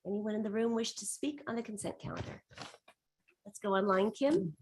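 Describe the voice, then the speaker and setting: A woman chairing a public board meeting, speaking formally and courteously in a halting, pause-filled way. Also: medium pitch, darkish tone, slight background noise, low-quality recording. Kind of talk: formal meeting facilitation with spoken remarks.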